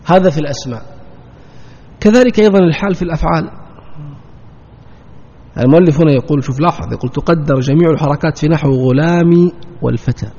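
A man's voice: a little high, fast, long pauses, dark tone, breathy edge. Man teaching grammar in an echoing hall. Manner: asks questions and answers them himself, repeats key terms. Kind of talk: grammar lesson to students. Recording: dull lo-fi sound in a long-echo hall.

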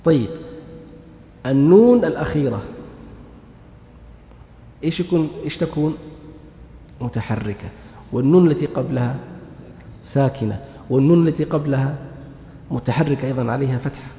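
A man's voice: medium pitch, a little fast, long pauses, slight background noise. A man teaching a grammar lesson, asking questions and answering them himself, repeating key words. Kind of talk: classroom lesson. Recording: muffled echoey hall recording.

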